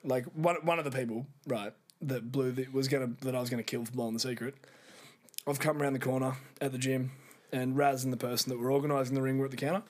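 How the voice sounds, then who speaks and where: Young Aussie bloke, podcast co-host, sweary and animated, lots of "like" and "um". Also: male voice, mid-range voice, fast. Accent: Australian. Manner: sweary, animated anecdote-telling with lots of fillers. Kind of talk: casual chat, storytelling.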